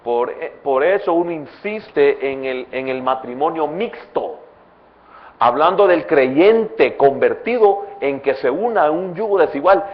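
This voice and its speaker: Salvadoran pastor preaching, loud then soft. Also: male voice, lively intonation, a little slow, lo-fi sound. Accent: Salvadoran Spanish. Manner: swings between loud emphatic bursts and soft low asides. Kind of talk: sermon. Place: church.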